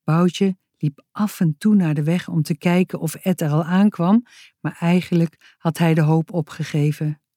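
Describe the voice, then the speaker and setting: A woman author reading her own children's story aloud, slow and expressive. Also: lowish voice, no echo, clean studio sound.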